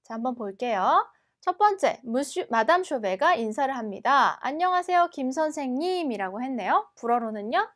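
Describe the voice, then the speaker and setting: A woman teaching a language lesson, explaining patiently and repeating each word slowly and carefully. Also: sits high, lively intonation, a bit bright. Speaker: French teacher.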